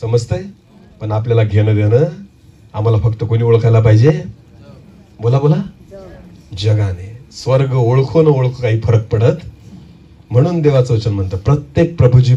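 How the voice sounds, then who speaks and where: Male pastor, sermon, rhetorical questions, shouts then drops low, somewhat distant mic. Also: husky, highs cut off. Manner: rhetorical questions, urging the congregation to answer; swings between shouting and quiet low phrases.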